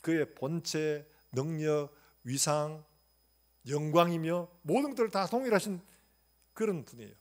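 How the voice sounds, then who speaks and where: A man's voice: on the high side, expressive, unhurried. Male pastor preaching. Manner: questions the congregation and acts out quotes. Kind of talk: sermon.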